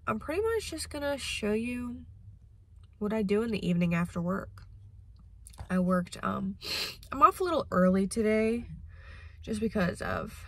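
Her voice sits at medium pitch, gravelly and slightly rough. She's a vlogger in her twenties, congested from a cold, rambling with many fillers about her day into a phone at arm's length, starting in the car and ending up at home.

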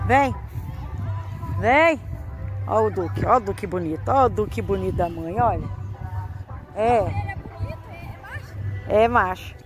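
A woman's voice: mid-range voice, lively intonation, slow pace, long pauses, faint music behind. A Brazilian woman filming herself outdoors, chatting to viewers and coaxing her pets in a raised sing-song voice. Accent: Brazilian Portuguese. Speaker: vlogger walking her dogs. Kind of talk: casual vlog chat to pets and viewers. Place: outdoors in a garden at dusk.

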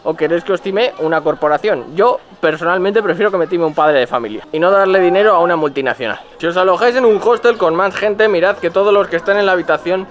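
Thirties male travel vlogger, Spain Spanish accent, pitched high, casual swearing, recorded outdoors at arm's length. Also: fast. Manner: blunt, joking, swears casually. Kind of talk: casual travel tips to camera. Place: narrow outdoor city alleys. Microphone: handheld camera at arm's length.

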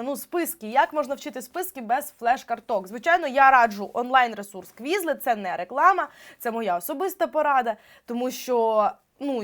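A young woman with a slightly high voice gives a lively exam-prep lesson. She explains each point through examples and keeps talking with an easy, casual flow of fillers. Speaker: teacher.

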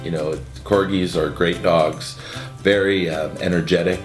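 Seated by a window in an indoor room, an event co-founder in his forties answers interview questions in a very low voice with fairly even intonation. He speaks haltingly, restarting sentences and filling gaps with "uh." The sound is reverberant, with music clearly audible underneath.

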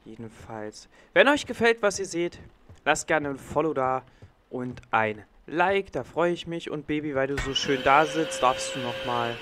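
Playful, animated male gamer voice. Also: on the high side, measured pace, a little hiss or hum. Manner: talks to the game baby in a teasing, playful way. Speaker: let's play gamer. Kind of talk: casual gameplay commentary.

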